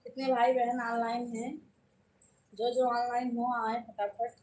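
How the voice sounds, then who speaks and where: A woman's voice: a little high, little pitch movement, measured pace, darkish tone. A woman with an Awadhi accent hosting a live stream in a homely, chatty way, repeatedly urging viewers to join. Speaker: live-stream host and folk singer. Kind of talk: casual live-stream chat. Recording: distant mic with faint background noise.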